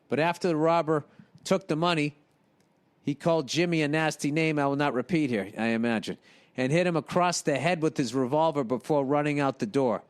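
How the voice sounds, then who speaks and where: A middle-aged man, hosting a podcast, reading listener emails and riffing on them with profane, animated comedy. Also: a little high.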